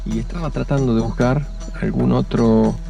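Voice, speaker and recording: A man's voice: medium pitch, steady tone, moderate pace, vocal fry, warm tone, soft background music. A man with an Argentine accent reminiscing casually about making radio programmes.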